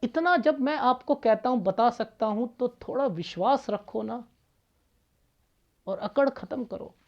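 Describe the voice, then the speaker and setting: A man's voice: very high voice, unhurried, darkish tone, dull audio. A man, a palmist, talking casually and bluntly to his viewers, lecturing and scolding them. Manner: blunt, straightforward talk.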